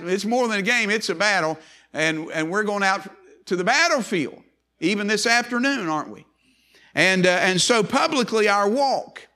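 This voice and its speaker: An older man preaching a sermon in church, repeating key phrases and slowing down hard on words he wants to stress. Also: high-pitched, sharp tone. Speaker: pastor.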